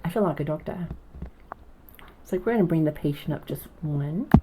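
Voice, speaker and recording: A woman chatting casually on an ASMR stream, talking softly right into the listener's ear and often slipping into whispers, with a playful, gently silly manner. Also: low voice, fairly quick. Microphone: close ASMR microphone. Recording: clear background noise and clicks.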